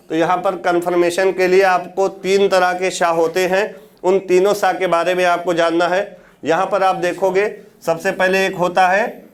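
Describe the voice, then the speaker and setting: Speaking in a rather high voice, a man who teaches for Hindi exams addresses a classroom. Each question he raises gets his own answer, and he says important words twice to help them stick.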